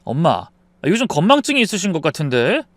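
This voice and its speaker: A man's voice: on the high side, huge pitch swings, fast, fairly bright tone, no room sound. A man voicing a dismissive adult son who brushes off his mother, sighing before his lines. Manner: whiny, starts lines with a sighing "ah".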